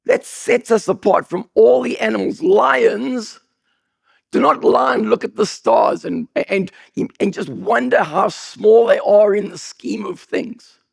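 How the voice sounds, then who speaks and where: A man preaching a sermon as pastor, with an accent, telling humorous stories with sudden high bursts of emphasis. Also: unhurried, dry recording, studio quality. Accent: non-local accent. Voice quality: gravelly, husky voice. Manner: animated, jokey storytelling with sudden high bursts.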